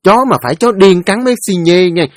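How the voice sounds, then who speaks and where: A man voicing a foul-mouthed, shrill teenage village girl who screeches curses and fast threats. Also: no room sound, studio quality, close to an everyday voice. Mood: furious.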